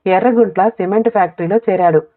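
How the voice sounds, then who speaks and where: A woman doing a dazed, slow old village woman. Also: mid-range voice, lightly acted. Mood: listless. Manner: slow, flat, words dropped one at a time. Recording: tinny phone-like audio.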